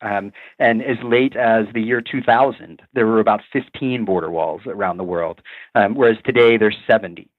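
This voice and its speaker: A middle-aged man from Virginia, a professor giving measured, explanatory interview answers with frequent ums. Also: fairly low pitch, no echo. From Virginia, USA. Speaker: guest professor. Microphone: remote call line. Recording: tinny dry phone line.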